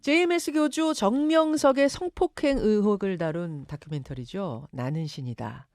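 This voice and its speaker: A woman's voice: medium pitch, lively intonation, moderate pace, darkish tone. A woman hosting a radio news interview, articulate and emphatic, posing questions to the listeners and the guest. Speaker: radio news show host.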